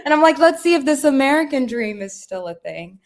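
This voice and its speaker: A woman who founded an event company is a guest in conversation, reflecting on her personal story in an earnest, spiritual, meandering way with many fillers. Her voice is high, very animated, and a little fast.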